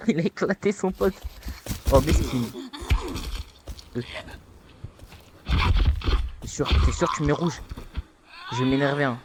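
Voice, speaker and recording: A man's voice: slow pace, long pauses, noisy background. Taunting young man playing a game. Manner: taunting, excitable, jumps to high-pitched yelps. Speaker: gaming youtuber. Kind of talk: casual let's-play commentary.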